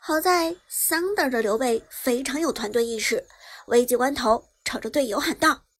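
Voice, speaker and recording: High-voiced woman narrating a web novel. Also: normal speed. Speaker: audiobook narrator. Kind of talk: scripted narration.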